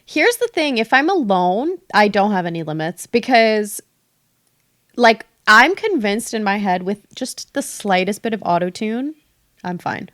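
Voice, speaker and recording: A young woman co-hosting a podcast, an animated storyteller who swears freely in casual chat. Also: medium pitch, unhurried, no room sound, clean studio sound. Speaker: podcast co-host.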